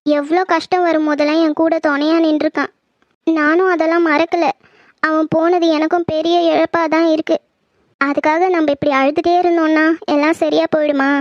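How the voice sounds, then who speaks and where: Woman playing a level-headed young relative for a cartoon, steady and high. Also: moderate pace, no echo, dull audio, close to an everyday voice. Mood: reassuring. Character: calm young relative reassuring grieving cousins.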